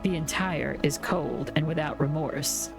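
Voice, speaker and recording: Woman doing a cryptic alien, game dialogue, cold, clipped broken speech, slow, slightly low. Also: creaky, over music. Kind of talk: reading game dialogue aloud.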